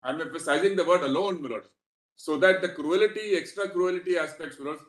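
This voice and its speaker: A man's voice: fairly high pitch, a little fast, a bit bright. A man with an Indian English accent argues as an advocate before the court, formal and deferential, saying "my lord" again and again. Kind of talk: courtroom legal argument. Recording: echoey courtroom audio.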